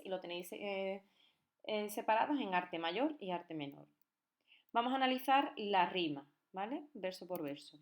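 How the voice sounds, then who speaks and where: Patient woman teaching poetry. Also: mid-range voice. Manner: patient, counts syllables aloud, checks in with frequent "¿vale?". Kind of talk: recorded lesson on poetic meter.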